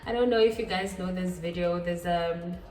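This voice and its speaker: A young woman in her twenties chats casually to her viewers, her voice sitting a little low. She is self-deprecating and repeats her points for emphasis. The sound is roomy and echoey, and she sits back from the mic. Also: a little mellow, distant mic, faint music behind. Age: 20s. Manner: chatty, self-deprecating, with quick laughs and repetitions. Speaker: channel host. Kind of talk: casual talking-head vlog.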